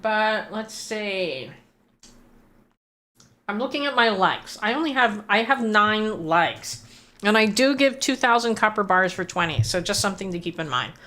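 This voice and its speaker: A woman's voice: mid-range voice, expressive, unhurried, bright, forceful tone. A woman chatting casually on a gaming livestream, greeting and thanking her viewers as she plays. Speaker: game streamer.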